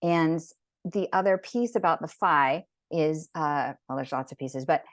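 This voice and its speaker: A woman with a low voice leads an online geometry class, rambling eagerly and restarting her sentences. The sound is dry and close, coming through a video call. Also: unhurried, dry recording. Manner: rambling, enthusiastic, many fillers and restarts. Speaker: sacred geometry teacher.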